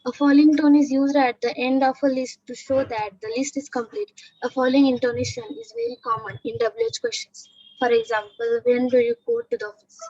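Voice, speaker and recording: A woman's voice: sits high, expressive, a little fast, darkish tone, no echo, dull audio. A female student reading a textbook passage aloud carefully in class.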